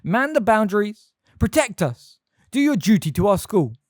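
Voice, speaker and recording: A reader voicing a stern older woman who gives sharp, scolding commands. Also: medium pitch, big pitch swings, fast, dry recording, clean studio sound, voice pushed up, natural voice. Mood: commanding.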